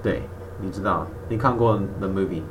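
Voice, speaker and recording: A man's voice: deep voice, moderate pace. A man who is a native English speaker, talking hesitantly in learner's Mandarin with a foreign accent in a casual language-exchange chat. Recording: distant microphone, clearly noisy background.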